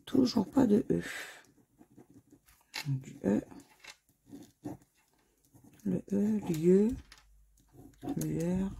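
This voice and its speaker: A woman from France commenting as she scratches lottery tickets, spelling out letters one by one in a slightly hoarse voice. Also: medium pitch, lively intonation, very slow, long pauses, dark tone, a little hiss or hum. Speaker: scratch-card video host. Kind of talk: casual scratch-card commentary.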